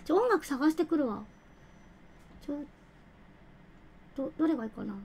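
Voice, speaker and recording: A woman's voice: high voice, very animated, normal speed, a little mellow, a little hiss or hum. A young woman streaming a cooking game, chatting casually, giggling and thanking viewers as she plays. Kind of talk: casual live-stream chat.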